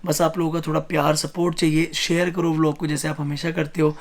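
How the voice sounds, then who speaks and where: A man's voice: a little high, little pitch movement, fast talker, creaky. A young man co-hosting a casual home vlog, easygoing and earnest with a teasing streak. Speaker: vlogger co-host.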